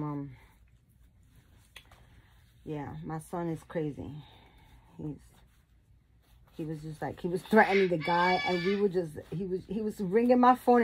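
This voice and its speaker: A woman's voice: lowish voice, a little hiss or hum. A woman vlogging about her doll collection in a casual, rambling chat with her viewers, gushing and full of "like" and restarts. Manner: gushing, affectionate; fond of chatty asides to "guys".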